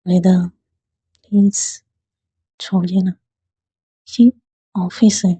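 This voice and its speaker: A shy, gentle young woman in love, as a storyteller voices her, speaking softly and pleading in a husky, mellow tone. She talks slowly and unhurriedly. The recording sounds dry and a little muffled. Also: mid-range voice, little pitch movement, no echo. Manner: soft, pleading. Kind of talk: storybook dialogue read aloud.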